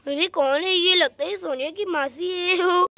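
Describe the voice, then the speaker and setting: A woman's voice: very high-pitched, unhurried, bright, forceful tone, no room sound, exaggerated voice. Woman doing a cheeky mocking boy. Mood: teasing. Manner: teasing, mocking.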